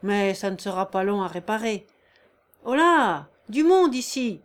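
A woman's voice: medium pitch, big pitch swings, unhurried. Woman reading as a stern, sardonic mill owner. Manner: commanding, sharp, loud.

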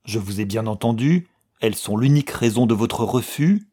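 A man's voice: mid-range voice, expressive, normal speed, mellow, slightly rough. A man reading as an insistent lovelorn young man. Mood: pleading. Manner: earnest, commanding, pleading.

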